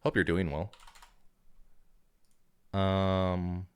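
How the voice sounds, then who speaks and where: A man's voice: medium pitch, normal speed. A young man casually chatting to his live-stream audience, rambling loosely with lots of filler words. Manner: relaxed rambling with many "like" fillers.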